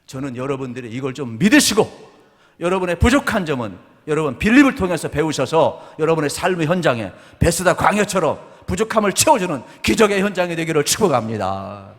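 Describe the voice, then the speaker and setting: Male pastor, sermon, lively swinging pitch, rhetorical questions, reverberant sanctuary. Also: fairly quick. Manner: emphatic, fires rhetorical questions and tag asides. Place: church sanctuary. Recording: echoey church hall.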